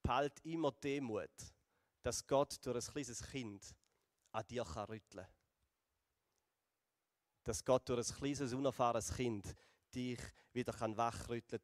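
A man with a Swiss German accent preaching a sermon and retelling a Bible story, slowing and going softer for emphasis. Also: mid-range voice, no echo, studio quality, big-room sound. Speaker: pastor.

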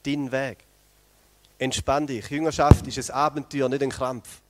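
A man preaching a lively sermon, telling the story with energy and speaking straight to the congregation. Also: medium pitch, normal speed, very noisy. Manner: animated storytelling, addresses the congregation directly.

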